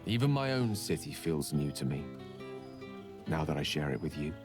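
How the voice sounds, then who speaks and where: An actor playing Gale, an eloquent, warm male wizard turned academic, speaking in an articulate, gently wry manner. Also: rumbling low, very animated, moderate pace. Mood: tender. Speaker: game character. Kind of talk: video game voice acting. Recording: game audio with clear music behind. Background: music.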